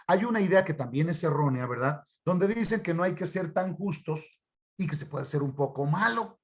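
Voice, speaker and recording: Mexican man, fairly high voice, church workshop teacher, asks questions, video call mic. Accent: Mexican Spanish. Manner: addresses listeners as brothers, asks questions to the class. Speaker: Bible study instructor.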